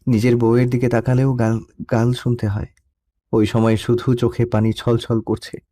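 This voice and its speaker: A young man narrating a first-person love story in a soft, melancholy storytelling manner. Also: medium pitch, flat delivery, moderate pace. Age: young adult.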